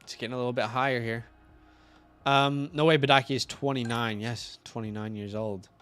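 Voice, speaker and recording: A young man in his twenties co-hosting a casual live stream, rambling and working through numbers out loud at a steady middle pitch. Faint music sits behind his voice. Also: normal speed, clear, resonant tone. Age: 20s. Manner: rambling, thinks aloud, counts out loud. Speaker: co-host. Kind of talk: casual livestream chat.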